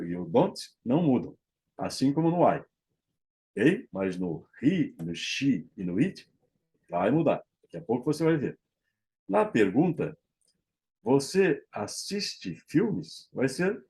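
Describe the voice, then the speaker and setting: A man teaching English grammar, modeling English phrases slowly and checking in with frequent "ok?". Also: medium pitch, darkish tone. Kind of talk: explaining English grammar to Portuguese speakers.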